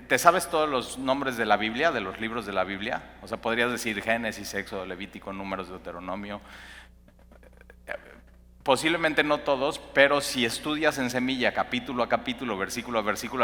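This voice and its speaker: Bright-voiced pastor in a hall. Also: male voice, medium pitch. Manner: conversational, asks the listener questions, spells names out. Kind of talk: Bible study teaching.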